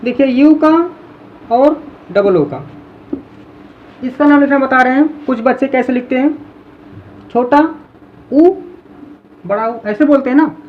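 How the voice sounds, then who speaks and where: A woman with a high voice teaches in a patient classroom style. She repeats each example word slowly, drilling it. The recording sounds dull and lo-fi. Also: a little hiss or hum.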